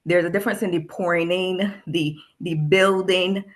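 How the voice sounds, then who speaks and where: A woman's voice: fairly low pitch, fairly even intonation, normal speed. A woman from Barbados, a special education teacher speaking thoughtfully as a guest, often repeating words as she searches for them. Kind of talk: reflective discussion.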